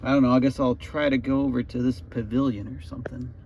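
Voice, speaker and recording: A man's voice: medium pitch, level tone, fast. A man chatting casually and offhand as he narrates his road trip vlog, musing as he goes. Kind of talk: casual rambling vlog chat. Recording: muffled sound with loud background noise.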